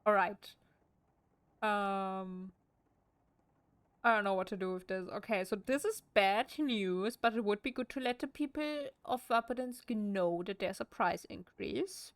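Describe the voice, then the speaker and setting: A woman's voice: medium pitch, measured pace, dry recording. A woman with a German accent streaming a game at home, reading in-game text aloud with wry, chatty asides.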